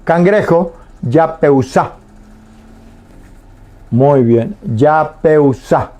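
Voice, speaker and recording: A man teaching a language lesson on the radio, saying each word slowly and repeating it twice with pauses. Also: a little high, mellow. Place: radio studio.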